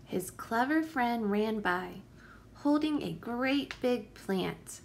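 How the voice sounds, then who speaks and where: A woman reading a children's picture book aloud as a teacher would, with careful, expressive storytelling emphasis. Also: a little high, takes it slowly, creaky.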